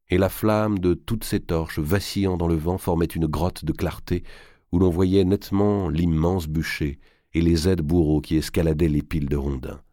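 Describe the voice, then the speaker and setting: A man reading a historical novel aloud in a measured, literary narration. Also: low voice, warm tone, dry recording, studio quality. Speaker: audiobook narrator. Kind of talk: scripted narration.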